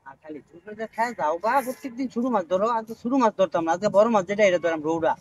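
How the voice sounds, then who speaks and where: A man performing a comic fishing skit, talking in excitable, scolding bursts. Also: sits high, fast, a little hiss or hum. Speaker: comic fisherman.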